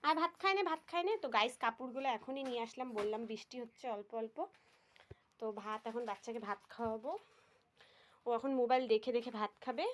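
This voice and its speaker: A woman's voice: fairly high pitch, a little hiss or hum. A young woman chatting casually to viewers about her household chores in a vlog. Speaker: vlogger. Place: rural home and riverside.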